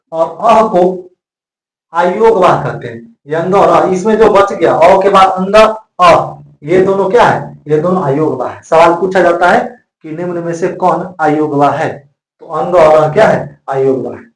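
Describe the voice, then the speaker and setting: A man's voice: sits high, unhurried. A man teaching a classroom grammar lesson, repeating each point several times so students can note it down. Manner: repetitive, drills points by repeating them. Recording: echoey room.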